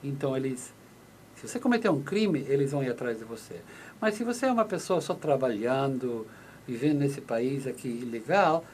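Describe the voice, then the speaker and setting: A slightly mellow, mid-range male voice belongs to a lawyer taking listener questions on a US radio call-in program. He explains patiently and acts out little back-and-forths, with many restarts, over a light hiss or hum.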